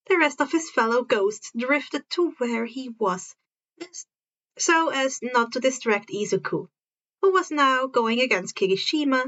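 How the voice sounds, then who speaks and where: On a muffled, modest home recording, a woman reads fan fiction aloud as narrator in a fairly bright voice on the high side. She occasionally trips over words and says them again.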